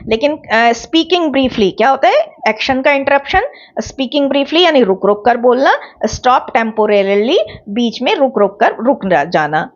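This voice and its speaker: A young woman teaches an online exam-prep class, explaining each term with an example. Her voice sits a little high and moves up and down with plenty of life. The recording sounds dull and lo-fi. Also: lively intonation, normal speed. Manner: explains terms with examples, mixing English words into Hindi.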